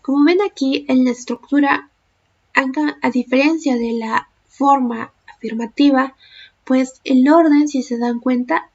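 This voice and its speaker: A woman's voice: high voice, a little slow, a little mellow. A woman teaching an English grammar lesson, explaining patiently and step by step. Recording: dull lo-fi recording.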